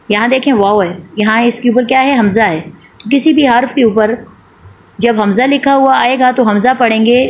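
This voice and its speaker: A woman teaching Quran recitation in an online class, patiently repeating each point, asking and answering her own questions, and drawing out vowel sounds to demonstrate. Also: fairly high pitch. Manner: draws out the long vowel sounds when demonstrating.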